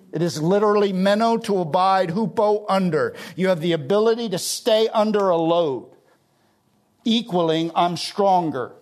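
A middle-aged man preaching an expository sermon, explaining Greek words and pressing his points with rising intensity. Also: a little mellow. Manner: rises in pitch and intensity when urging. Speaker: pastor.

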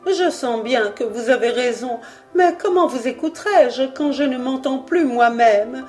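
Brief: heartbroken young poetess, read by a woman narrator, pitched up, tearful and fragile, storybook drama. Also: a little slow, a little mellow, soft background music. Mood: anguished. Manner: broken, tearful.

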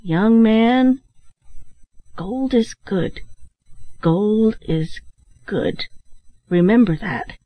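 A woman's voice: medium pitch, lively intonation, extremely slow, long pauses, no echo. A woman voicing a dying, gold-haunted old miser. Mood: bitter, weak. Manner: weak, hoarse whispering with sharp outbursts. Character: dying middle-aged man, bitter, gold-obsessed. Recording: dull, muffled recording.

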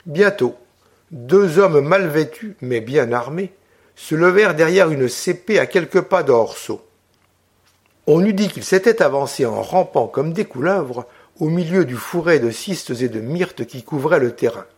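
A man giving a scripted narration of a classic novel in a steady, measured literary reading. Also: a little high. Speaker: audiobook narrator.

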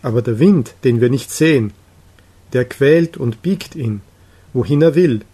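A grave, solitary prophet speaking slowly and with calm weight, as a man reads him aloud. His speech is measured and solemn, with unhurried pauses in an audiobook reading. The voice sits at an ordinary middle pitch for a man. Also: slightly rough.

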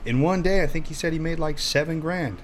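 A man's voice: a little high, fairly quick, a little hiss or hum. A man, co-hosting a casual podcast chat, laid-back and laughing often, peppering talk with "dude". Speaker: podcast co-host.

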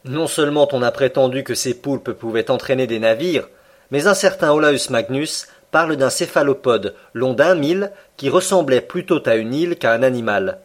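A man narrating a classic novel as an audiobook in a measured, even reading style. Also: mid-range voice. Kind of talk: scripted literary narration.

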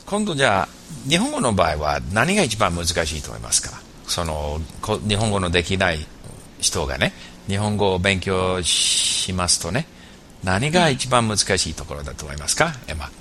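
A man who is not a native speaker hosts a chat, asking halting questions and often rephrasing them. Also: deep voice, very animated, sharp tone, a little hiss or hum. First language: not Japanese. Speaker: host. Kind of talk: conversational interview.

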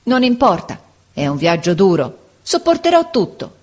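A woman voicing a desperate young boy who pleads urgently and tearfully, in a high, strained voice. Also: sing-song, moderate pace, a little mellow. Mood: pleading.

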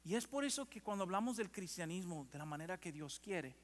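A pastor preaches in a fairly high voice that rings out with long hall reverb. He moves between easy, conversational asides to his congregation and loud, animated readings of scripture. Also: brisk. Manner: conversational, asks the congregation if they are with him. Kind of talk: sermon.

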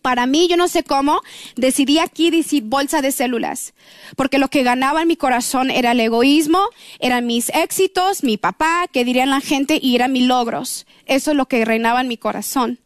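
A woman's voice: high-pitched, normal speed, no room sound, clean studio sound. A middle-aged woman, telling her personal testimony on a radio program in an earnest, emotional storytelling manner. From Mexico. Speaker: guest giving testimony.

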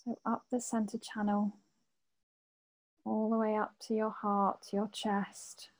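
A woman leading a guided meditation in a soothing sleep-story manner, with gentle, unhurried phrasing and long pauses. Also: mid-range voice, little pitch movement.

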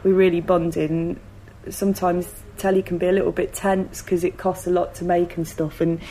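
Chatty woman, low-ish voice. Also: level tone, moderate pace, warm tone, slight background noise. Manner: chatty, rambling, lots of ums. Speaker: guest. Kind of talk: casual chat.

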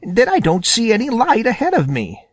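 A man's voice: extremely high pitch, huge pitch swings, normal speed, dry recording, clean studio sound, voice pushed up, exaggerated voice. A man voicing a frightened, sore young male rabbit who half sobs in misery. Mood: puzzled. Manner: whimpering, half-sobbing.

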